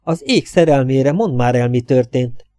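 A man's voice: mid-range voice, dark tone, no room sound, close to an everyday voice. A man voicing a blunt, impatient male police lieutenant in an audiobook.

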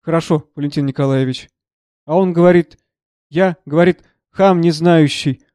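A man's voice: a little high, moderate pace, darkish tone, no echo, clean studio sound, natural voice. A man reading the part of a timid, humble elderly secretary who speaks meekly and hesitantly. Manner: meek, hesitant.

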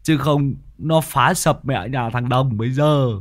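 A man's voice: medium pitch, measured pace, no echo, clean studio sound, voice pushed up, natural voice. A man voicing a panicky, scar-faced village man who stammers and pleads. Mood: pleading. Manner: stammering, frantic.

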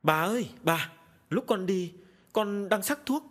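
A man's voice: high voice, very animated, moderate pace, husky, voice pushed up, heavily acted. A man voicing a timid young female servant who stammers and speaks deferentially, in an audio storybook. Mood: urgent.

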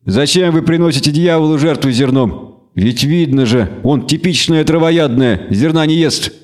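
A stern monster hunter speaks in a cold, measured tone, as a male narrator reads him. His words are deliberate and unhurried, with little warmth. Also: fairly high pitch, pitched above the performer's own voice, close to an everyday voice.

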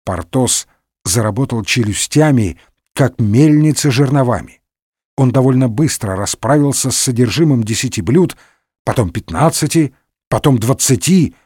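Husky guy reading a funny story aloud, lively pitch, dry close sound. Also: moderate pace, no echo. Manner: expressive, ironic. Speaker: narrator. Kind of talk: storybook narration.

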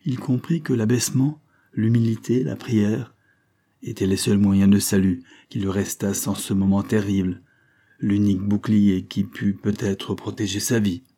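A man narrating a historical tale as an audiobook, in a measured, dramatic reading. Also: fairly low pitch, little pitch movement, dark tone.

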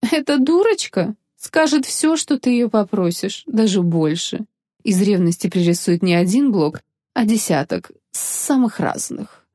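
A woman reading an audiobook voices a drunk, jealous, haughty sorceress with shrill, mocking speech. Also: lively intonation, measured pace, warm tone, no echo, studio quality. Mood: scornful. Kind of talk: audiobook character voice.

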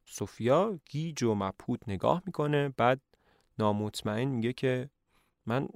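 A man's voice: mid-range voice, no echo, clean studio sound. Man casually retelling a play. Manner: lively, conversational retelling. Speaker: podcast narrator.

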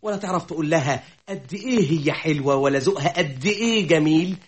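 Man playing a mocking friend, Egyptian accent, vintage radio drama, rapid, slightly high. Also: lightly acted. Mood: coaxing. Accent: Egyptian Arabic. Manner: mocking, coaxing. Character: teasing worldly male friend.

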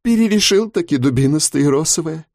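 A man voicing a grumbling female spirit of parting who complains in a high falsetto, in an audiobook. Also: animated, fairly quick, creaky, darkish tone, no echo, clean studio sound.

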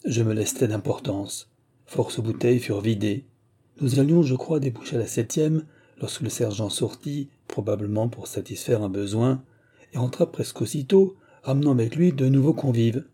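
A male audiobook narrator with a very dark, mellow tone and a husky grain. He reads the memoir in a measured, storytelling manner at a steady middle pitch.

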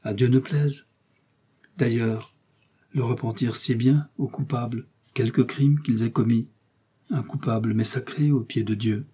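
A man's voice: medium pitch, steady tone, unhurried, dark tone, breathy edge. A man reading aloud and voicing a grave, devout young officer who speaks solemnly.

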